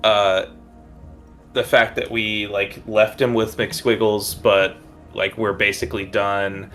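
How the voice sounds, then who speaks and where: A man's voice: on the low side, little pitch movement, fairly bright tone, soft background music. A man playing a tabletop role-playing game, speaking casually and hesitantly as he improvises. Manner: halting, hesitant.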